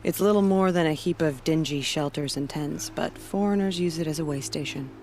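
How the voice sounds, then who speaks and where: An actress portrays a proud female warrior who guards a border village, speaking solemnly, steadily, and devoutly. Her voice is low and fairly quick, with a little hiss or hum in the recording.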